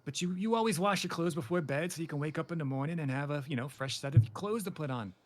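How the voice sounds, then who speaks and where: A man's voice: on the high side, fast talker. A man running a game roleplay scenario as an interviewer, chatty and rambling, slipping into comic bits. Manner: chatty, rambling, slips into panicky comic yelping.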